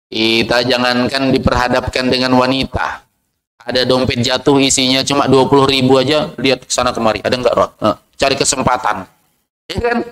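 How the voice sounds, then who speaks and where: A man preaching a sermon, lively, asking the audience questions and answering them himself. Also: poor audio. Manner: lively, swings from low asides to high rhetorical questions.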